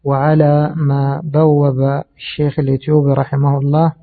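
Male religious teacher, somewhat high, flat delivery, gravelly, lo-fi phone-like sound. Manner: measured, explanatory, pauses with fillers. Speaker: hadith teacher. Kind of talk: religious lesson. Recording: tinny phone-like audio.

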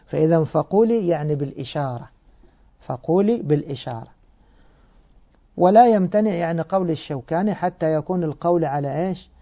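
A man gives a patient Quran and grammar lesson. He asks questions and answers them himself. His voice sits a little high and comes through a thin, phone-like recording. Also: expressive, brisk. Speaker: Quran teacher. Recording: tinny phone-like sound.

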